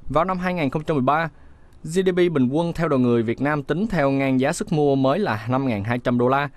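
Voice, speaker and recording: A man reading a scripted news voice-over in a steady, measured way. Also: medium pitch. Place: studio booth.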